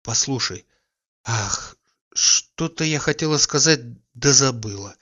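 A man's voice: mid-range voice, takes it slowly. A man voicing a playful, teasing young woman in a read-aloud story. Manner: lively, teasing, carefree. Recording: dull lo-fi recording.

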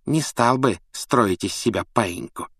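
A man's voice: mid-range voice, measured pace, a bit bright, slightly rough, no echo, studio quality, voice pushed up. A man voicing an arrogant teenage schoolboy with a sly, jeering manner in an audiobook. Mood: taunting.

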